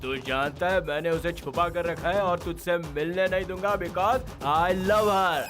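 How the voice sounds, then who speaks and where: An actor dubbing a lovesick man who rants loudly and brags that his love is the true one. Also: high-pitched, unhurried. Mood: boastful. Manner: loud ranting, shouting like a loudspeaker. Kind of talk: Hindi film dub. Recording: film soundtrack with music.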